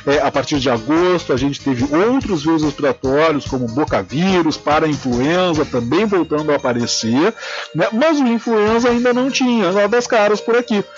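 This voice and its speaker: A man's voice: on the high side, moderate pace, muffled recording, soft background music. A man with a Brazilian accent, a health researcher, explaining informally in an interview.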